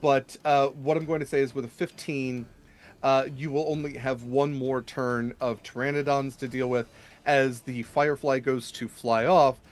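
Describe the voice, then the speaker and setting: A man running a tabletop game as game master, improvising narration in a halting, conversational way. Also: medium pitch, fairly even intonation.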